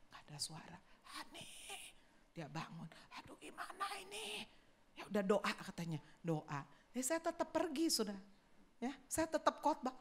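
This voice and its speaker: A middle-aged woman pastor, preaching a sermon through lively storytelling and often speaking straight to her congregation. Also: on the high side.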